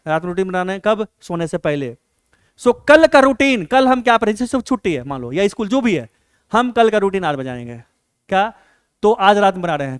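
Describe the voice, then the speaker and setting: A man's voice: high voice, smooth, no echo, clean studio sound. A male teacher, giving casual study advice and often checking in with his listeners as he talks. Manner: chatty, repeats "है ना" often.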